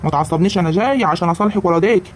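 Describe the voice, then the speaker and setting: An actor playing an old countryside patriarch in a cartoon, sweet-talking and fumbling between two wives. He speaks fast in an Egyptian rural accent. A faint hiss lies under it. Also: mid-range voice, close to an everyday voice. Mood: coaxing. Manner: coaxing, flustered.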